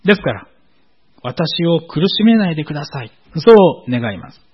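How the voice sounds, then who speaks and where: A man preaching a sermon in a measured, explanatory way, often pausing on filler words. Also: fairly high pitch, very animated, husky, muffled recording. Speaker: pastor.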